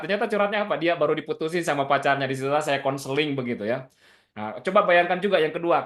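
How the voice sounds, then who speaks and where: A man's voice: on the high side, fairly bright tone. A man leads a parenting webinar over a video call. He sounds like a trainer who talks with the parents rather than at them. He keeps tossing rhetorical questions back to his audience. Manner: conversational, addresses parents directly with rhetorical questions. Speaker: parenting trainer and boarding school consultant.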